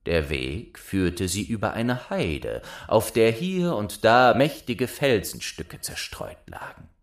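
A man narrating a fairy tale with a lowish voice. He takes his time over each phrase, letting his pitch rise and fall expressively as the story unfolds. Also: sing-song, slow pace. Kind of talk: storybook reading.

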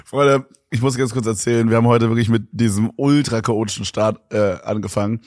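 A man's voice: mid-range voice, steady tone, fairly quick, darkish tone, no room sound. Rambling young man, dry sound. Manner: slangy, rambling storyteller, laughs often. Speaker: podcast co-host. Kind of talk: casual chat.

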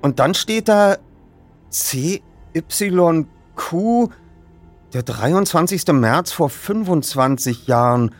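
A man voicing a teenage boy detective who reads out dates and letters slowly, one at a time. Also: fairly high pitch, lively intonation, soft background music, voice pushed up, full character voice. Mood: reading out. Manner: slow, spelling out letters one by one. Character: teenage boy detective, second of three friends.

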